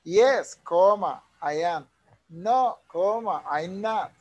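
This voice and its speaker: A man's voice: high-pitched, lively intonation, drawn-out words. A man, an English teacher explaining punctuation patiently over a video call. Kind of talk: online class explanation.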